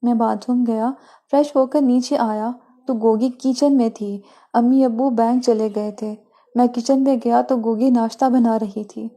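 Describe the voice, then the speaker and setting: A woman tells a scripted first-person story in a steady, unhurried way. Her voice sits a little high, and its tone is very dark and mellow. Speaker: story narrator.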